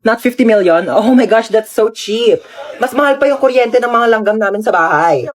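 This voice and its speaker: Snobbish spoiled rich girl, played by a woman, airy, boastful, fairly high voice. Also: expressive, moderate pace, close to an everyday voice. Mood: flippant. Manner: mixes English phrases, airy and boastful.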